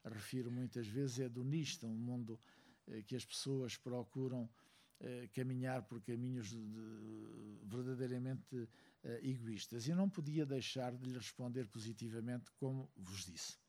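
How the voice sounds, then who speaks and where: Angolan-born guy giving a thoughtful talk, lots of ums, warm dark voice. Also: mid-range voice. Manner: reflective, measured, many hesitations. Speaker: speaker at a book launch. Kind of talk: speech to a seated audience.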